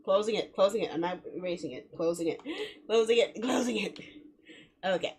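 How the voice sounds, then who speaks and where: A woman livestreams a game, chattering playfully to herself and giggling as she reads visual novel text aloud. Her mid-range voice has a breathy edge, lively intonation, and a moderate pace.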